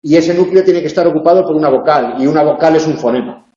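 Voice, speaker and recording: A university lecturer teaches a phonology tutorial in a slightly high, warm voice, moving at a quick pace. He goes step by step, peppering his explanation with "eh" and tag questions. The room echoes and the recording sounds dull and lo-fi.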